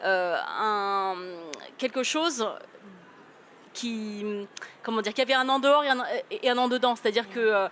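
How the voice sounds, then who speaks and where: A woman speaks on a discussion panel, picking her words slowly through frequent fillers and repeated starts. Her voice sits a little high. A faint hiss of noise runs behind her. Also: fairly bright tone. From France. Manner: hesitant, many fillers and restarts. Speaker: panel guest.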